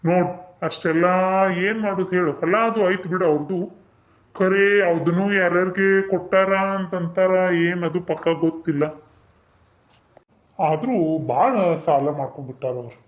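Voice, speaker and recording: A man's voice: high-pitched, normal speed, lo-fi sound, close to an everyday voice. A man voicing an easygoing, generous middle-aged village husband in a cartoon, with a North Karnataka Kannada accent.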